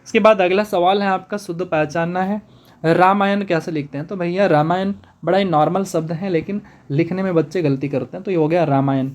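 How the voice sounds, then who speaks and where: A man teaching a spoken exam-prep lesson, brisk and repetitive, calling his students brother. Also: sits high, steady tone.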